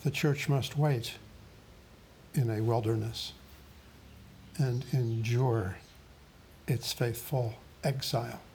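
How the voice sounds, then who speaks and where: A man preaches a sermon, slow and solemn. He takes his time over each phrase and pauses gravely, at an even middle pitch. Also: slight background noise.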